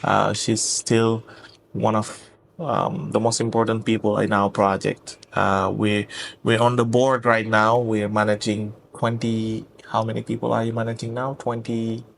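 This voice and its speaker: A man's voice: lowish voice, little pitch movement, unhurried, gravelly, a little hiss or hum. A man in his twenties from Senegal, hosting a casual interview chat, often laughing and saying "yeah". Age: 20s. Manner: warm praising, laughs often, repeats "yeah". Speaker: host and project founder.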